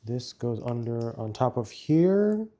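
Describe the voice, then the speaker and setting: A man's voice: medium pitch, sing-song, warm tone. A man streaming as he builds a model set, chatting casually and talking himself through each step. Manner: slow, muttering step-by-step instructions to himself. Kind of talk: casual chat while building.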